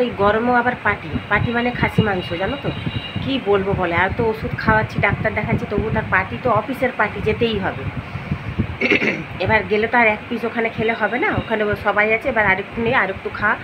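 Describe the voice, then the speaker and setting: A hoarse, unwell middle-aged woman, walking outside at night and chatting straight to her vlog viewers. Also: mid-range voice, steady tone, fast talker. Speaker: vlogger. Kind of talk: casual daily vlog chat. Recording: loud street and traffic noise.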